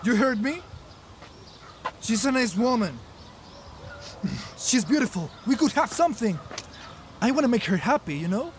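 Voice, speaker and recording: A lovesick pushy rival. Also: male voice, very high voice, very animated, normal speed, pauses often, slight background noise. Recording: with music behind.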